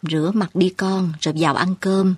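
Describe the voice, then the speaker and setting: A sorrowing elderly grandmother from a storybook, crying as she speaks to her orphaned granddaughter. Her voice is husky and breathy, recorded dry and close, as a woman narrator puts her on. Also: lowish voice, steady tone, moderate pace, dry recording. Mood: sorrowful. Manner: tearful, lamenting. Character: grieving elderly village grandmother.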